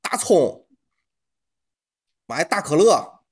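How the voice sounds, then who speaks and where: Animated Tianjin-accented man in casual chat. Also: fairly high pitch, extremely slow, slightly rough. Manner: colloquial, mildly profane. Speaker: podcast co-host.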